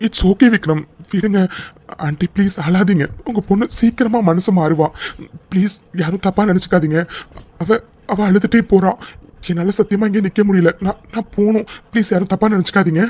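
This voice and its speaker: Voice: mid-range voice, brisk, a little mellow, close to an everyday voice. A performer voicing an upset young man in a cartoon, anxiously apologizing and eager to leave. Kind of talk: cartoon voice acting.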